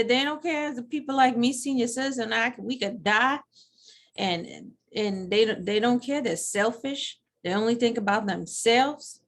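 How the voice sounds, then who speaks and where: A woman's voice: mid-range voice, fairly bright tone, lightly acted. A woman playing a sassy, blunt elderly grandmother from church, telling a comic story in a chatty, rambling way with many restarts. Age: older. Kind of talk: comedic character monologue.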